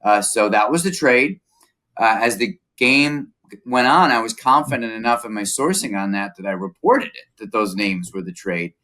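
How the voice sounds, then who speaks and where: A male reporter, a guest in a casual chat, recounting events in a measured, explanatory way. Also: on the low side, lively intonation, bright, forceful tone.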